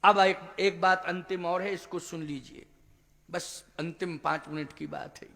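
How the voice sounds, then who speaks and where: A man telling a devotional story as a sermon, quizzing his listeners and chanting verses in a slow, drawn-out melody. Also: high-pitched, fairly even intonation, a bit bright. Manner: quizzes the audience with rhetorical questions. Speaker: Ram katha preacher.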